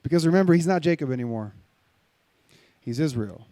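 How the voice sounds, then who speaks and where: A middle-aged male pastor giving a live sermon, conversational and animated, joking with and directing the audience. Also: fairly high pitch, a little fast, dry recording.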